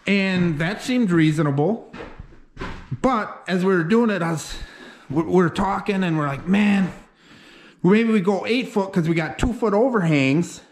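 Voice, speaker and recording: A middle-aged man talks in a folksy, rambling way, full of fillers and plain country phrasing. His voice sits a little on the high side. He is recorded on an action camera as he walks through snow and an unfinished wooden barn. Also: unhurried, a little hiss or hum. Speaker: homesteader vlogger. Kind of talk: casual walkthrough talk. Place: outdoors in snow, then inside an unfinished wooden barn loft. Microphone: handheld or head-mounted action camera.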